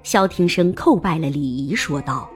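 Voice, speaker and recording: A woman narrating a historical-fiction audiobook in an expressive storytelling manner. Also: deep voice, normal speed, soft background music.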